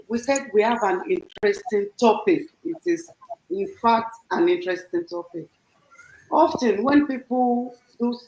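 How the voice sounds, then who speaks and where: A woman's voice: medium pitch, a little mellow, reverberant, rough recording. A woman hosting an online panel and giving an earnest motivational talk, repeating and rephrasing her points. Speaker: host. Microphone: video call.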